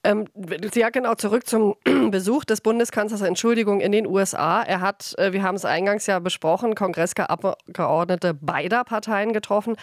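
A radio host asking brisk interview questions. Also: mid-range voice, dry recording, studio quality.

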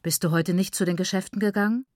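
A woman reads a novel aloud in first person, calm and somber, in a mid-range voice. The recording is dry and close, with no room around it. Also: medium pitch, fast, no echo. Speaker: audiobook narrator. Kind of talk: scripted first-person narration.

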